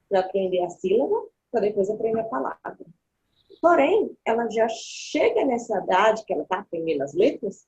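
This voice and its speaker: A woman speaking as a guest, explaining child development in animated conversation and acting out the voices she quotes. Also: medium pitch. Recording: dull lo-fi sound.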